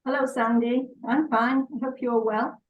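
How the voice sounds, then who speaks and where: A woman's voice: a little high, steady tone, moderate pace, lo-fi sound. Older English woman recalling her life. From England. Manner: gentle and reminiscing, with small hesitations. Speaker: guest, artist. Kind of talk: interview chat.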